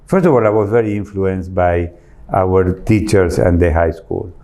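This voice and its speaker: Argentine man, low and mellow. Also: moderate pace. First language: Spanish. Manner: earnest, searching for words, rephrasing. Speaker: architect guest. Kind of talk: interview answers.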